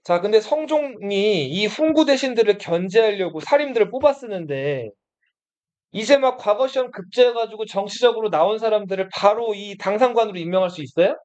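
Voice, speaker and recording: Guy lecturing a history class, casual and blunt, keeps asking the room questions then answering them himself, pretty high voice. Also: expressive, brisk, a little mellow, dull audio. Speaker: history teacher.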